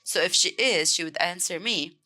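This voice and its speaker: A woman from Egypt with an Egyptian accent, teaching a beginner language lesson and clearly repeating each word several times. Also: fairly low pitch, moderate pace, bright, forceful tone. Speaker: Arabic teacher.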